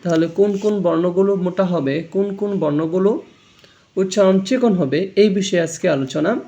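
This high-pitched, warm male voice runs a little fast. He's giving a slow spoken Quran reading lesson on letter pronunciation, describing how the letters are said and repeating each sound for learners to imitate.

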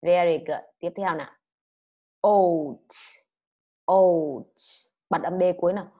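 A woman's voice: fairly low pitch, steady tone, fast, lo-fi sound. A woman from Vietnam teaching an online English lesson to children, explaining words and having pupils repeat after her. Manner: drills words loudly and has pupils repeat.

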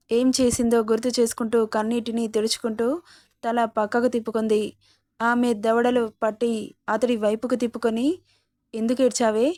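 Woman storyteller host, fairly high voice, steady level reading. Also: no room sound, clean studio sound. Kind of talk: story narration.

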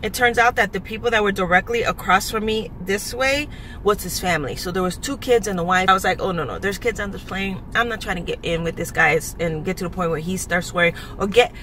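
A woman's voice: medium pitch, brisk, rough recording. Chatty woman ranting from her car. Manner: animated storytelling, acting out quoted exchanges, frequent "guys". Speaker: vlogger. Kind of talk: casual storytime rant. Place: inside a car. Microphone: phone camera at arm's length. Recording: loud car and road noise.

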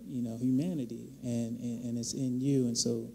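A man in his thirties speaking on a panel into a handheld mic, measured and reflective. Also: mid-range voice, level tone, creaky, warm tone, slight background noise. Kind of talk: panel discussion. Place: large hall on a stage.

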